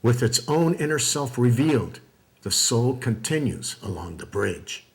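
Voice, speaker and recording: A man giving scripted documentary narration in a measured, deliberate way. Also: mid-range voice, big pitch swings.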